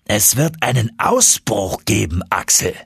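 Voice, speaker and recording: A serene older professor, speaking low and unhurried with complete confidence, as a man voices him in an audiobook. His voice is slightly husky and dry. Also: big pitch swings, a bit bright, no echo, heavily acted. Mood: calm. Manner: slow, low, unruffled.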